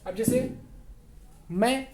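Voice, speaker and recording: Slow, patient male English teacher. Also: very high voice, huge pitch swings, gravelly, darkish tone. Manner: slow, repetitive, checks understanding often. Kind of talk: spoken English lesson in Hindi.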